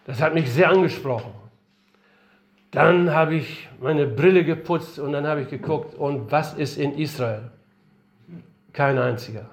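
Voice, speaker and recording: In a conference room, an older man delivers a missionary sermon like a lecture, his slightly high voice measured and full of pauses. Being unwell strains it a little, yet he stays earnest and emphatic, asking rhetorical questions.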